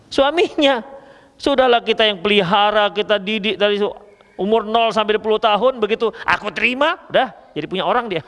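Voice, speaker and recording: Male preacher, Medan accent, playful lecturing, high lively voice, echoing hall. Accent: Medan Indonesian. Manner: lively, joking, addresses listeners as ikhwah. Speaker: Islamic preacher. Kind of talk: religious lecture.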